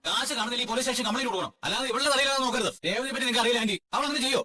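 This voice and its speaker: A man's voice: extremely high pitch, bright, forceful tone, heavily acted. A man voicing a heated young husband. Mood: indignant. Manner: heated, indignant, rapid-fire. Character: young husband defending his wife, indignant. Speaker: fan dubber. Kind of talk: fan dub of a TV serial scene.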